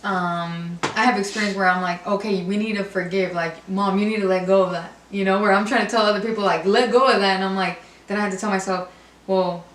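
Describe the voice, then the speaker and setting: A woman's voice: medium pitch, fairly even intonation, brisk, fairly bright tone. A woman chatting casually, candid and emphatic, acting out remarks as she quotes them. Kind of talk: casual conversation. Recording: echoey, distant mic, faint background noise.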